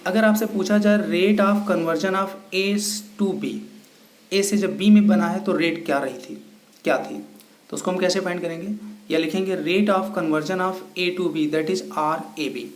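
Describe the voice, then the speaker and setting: High-voiced man teaching in an echoey room. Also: fairly even intonation, measured pace. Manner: explains step by step, often asks questions and answers them himself; mixes English technical terms into Hindi. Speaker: chemistry teacher. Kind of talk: recorded classroom lecture. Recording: echoey room with faint ambient noise.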